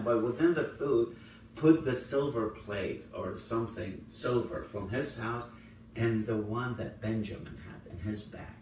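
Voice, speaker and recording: Priest teaching scripture, very echoey hall. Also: male voice, mid-range voice. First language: Assyrian. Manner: retells scenes, acting out quoted lines with rising emphasis. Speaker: priest teaching Bible study. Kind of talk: informal Bible study teaching. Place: church hall. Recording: very echoey room, voice from far off, faint noise.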